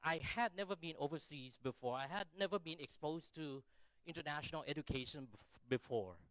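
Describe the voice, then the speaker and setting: Keynote speaker: middle-aged man, Thai accent, slightly high clean voice, informal and self-deprecating delivery. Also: fairly quick, a bit bright, dry recording, poor audio. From Thailand. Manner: self-deprecating, checks in with listeners using rhetorical questions. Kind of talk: conference keynote speech, conversational and informal.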